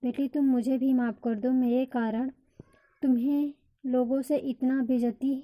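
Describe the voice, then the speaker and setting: A woman's voice: sits high, level tone, measured pace, muffled recording, slight background noise. A woman voicing a remorseful older aunt who pleads for forgiveness.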